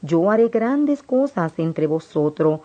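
A woman voicing a gentle, solemn male divine speaker, read in an even, earnest tone with little change from her own voice. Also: on the low side, slow pace, full character voice. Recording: dull lo-fi recording.

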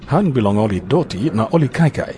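A man's voice: mid-range voice, very animated, a little fast, warm tone, lightly acted. A man with a Papua New Guinean accent playing a stern, accusing religious elder in a dramatised scripture reading.

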